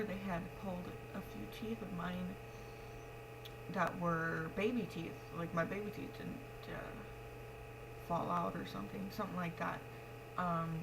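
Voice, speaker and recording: A young adult woman talking casually and frankly to her vlog, rambling in a matter-of-fact way, with the speech of someone missing front teeth. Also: on the low side. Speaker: pregnant vlogger. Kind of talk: casual confessional vlog talk. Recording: clearly noisy home recording with hum.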